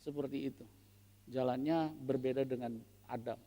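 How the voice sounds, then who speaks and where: A man preaching a sermon as pastor, playful and animated, asking the congregation rhetorical questions. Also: mid-range voice, moderate pace, long reverb tail. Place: church.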